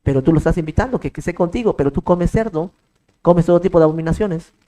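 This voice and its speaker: A man's voice: on the high side, fast, mellow, low-quality recording. A man preaching a sermon, firing off rhetorical questions and acting out bits of dialogue. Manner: emphatic, rhetorical questions, acts out quoted dialogue.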